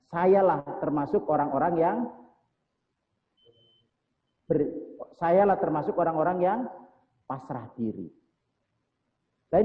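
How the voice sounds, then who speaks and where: Preacher, man, mosque sermon; chants prayer lines then explains them; thin phone-like sound. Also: fairly high pitch. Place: mosque hall. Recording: echoey mosque hall over tinny phone-like sound.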